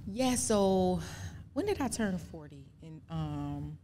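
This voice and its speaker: A woman in her forties answering audience questions as a podcast guest, speaking earnestly with halting restarts. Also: fairly low pitch, expressive, heavy background noise. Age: 40s. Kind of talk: live podcast Q&A, personal testimony.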